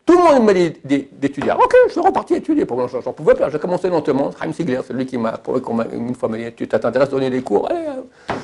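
A man from France, a rabbi teaching a Torah class and answering questions in an emphatic, animated way. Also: fast talker, slightly rough. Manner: animated, emphatic, jumps between high and low.

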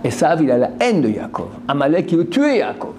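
A man gives a religious lesson, quoting verses and translating them before putting questions to his listeners and answering them himself. His voice sits fairly high but sounds mellow and dark, and his pitch leaps up and down as he explains. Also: brisk, a little hiss or hum. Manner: animated, asks and answers his own questions. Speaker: Torah teacher.

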